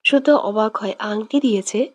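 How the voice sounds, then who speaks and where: A woman narrating a romantic audio story in a steady, expressive reading voice on a close mic. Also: medium pitch, moderate pace, dry recording, lo-fi sound.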